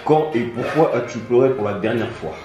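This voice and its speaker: A man moderating a blind date, asking questions in a brisk, probing, dry way. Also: medium pitch, heavy background noise. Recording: echoey room with music behind.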